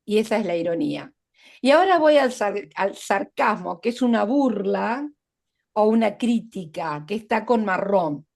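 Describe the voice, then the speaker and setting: A woman's voice: mid-range voice, gravelly. A woman teaching literature in an online class, explaining literary devices step by step with examples and checking in with her students.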